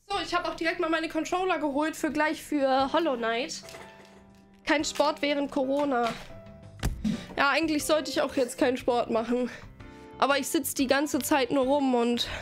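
A woman streamer with a high voice chats casually with her live audience, bubbly and giggly, rambling from one topic to another.

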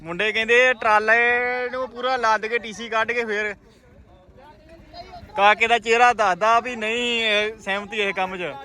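A man doing casual vlog commentary outdoors, with hearty, loud banter as he teases and urges on a group of workers. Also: high-pitched, fairly even intonation, moderate pace. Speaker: vlogger. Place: outdoors at a riverside sand-loading site with tractors.

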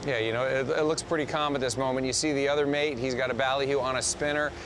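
In a TV studio, a middle-aged co-host and analyst of a fishing show casually breaks down fishing technique in detail over the footage. He talks fast in a steady, mid-range voice, with noise in the background.

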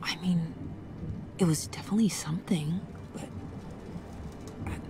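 A woman voicing a young wife in a video game, speaking in a hushed, breathy way and turning guarded and defensive. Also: lowish voice, unhurried, background noise. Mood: uneasy. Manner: guarded, then frantic when arrested. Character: young wife caught up in a nightmare evening.

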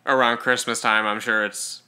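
A man hosting a podcast, chatting casually and relaxed about a film. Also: mid-range voice, normal speed. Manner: relaxed, laughs easily. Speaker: podcast host. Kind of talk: casual film review chat.

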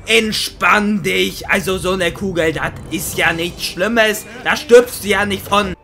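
A man's voice: high voice, a little slow, creaky, sharp tone, soft background music. A man giving casual gameplay commentary, grumbling in a mocking, sarcastic way. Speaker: gaming video creator.

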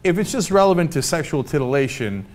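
A man's voice: fairly high pitch, very animated, fast talker, a little mellow. A man hosting a casual news commentary show, talking bluntly and conversationally with frequent fillers. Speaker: host.

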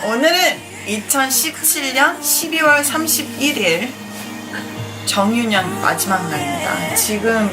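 A woman's voice: on the high side, lively intonation, unhurried, loud music behind the voice. A playful, giggly woman chatting casually as a vlog host. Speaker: vlog host, older sister.

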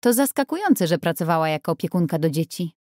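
A stern, blunt grown man, read by a woman in an audiobook, curt and a little raised in tone. The voice sits low and is recorded close and dry. It stays near the reader's own voice rather than a full put-on character. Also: big pitch swings, fast talker, darkish tone, dry recording.

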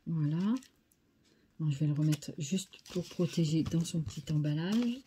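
A woman's voice: deep voice, moderate pace, dark tone, a little hiss or hum. A French woman hosting a scrapbooking video, chatting casually as she shows craft mail and repeating how nice each piece is. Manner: chatty, enthusiastic, repeats "très sympa".

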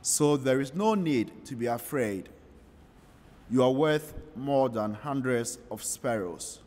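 A man reading the gospel at Mass, solemn and measured, heard with a cathedral echo. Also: medium pitch, lively intonation, a little mellow. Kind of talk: liturgical scripture reading. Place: large church. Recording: long church reverb, distant from mic.

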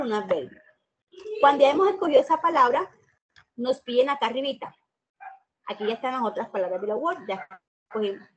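A woman's voice: high-pitched, slight background noise, poor audio. A middle-aged woman teacher explaining a class assignment in an informal, example-filled way, with many fillers, recorded on a computer microphone. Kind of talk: screen-recorded tutorial explanation.

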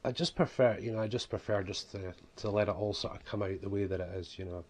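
A man's voice: lowish voice, fast talker. A man in his forties with a broad Scottish accent, rambling through unscripted, casual talk to camera at home, often saying "you know". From Scotland. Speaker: vlogger and author. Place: small home room, indoors.

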